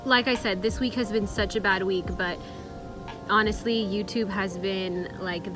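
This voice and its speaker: A woman co-hosting a vlog, chatting casually in informal, conversational phrasing. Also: mid-range voice. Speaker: vlog co-host. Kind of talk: casual couple vlog chat. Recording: background music behind speech.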